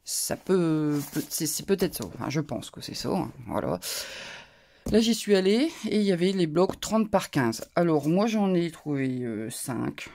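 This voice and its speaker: A woman's voice: low-pitched, big pitch swings, measured pace, warm tone. A woman with a northern French accent, chatting casually and rambling with frequent asides as she shows off her crafting purchases in a haul video. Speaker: crafting YouTuber.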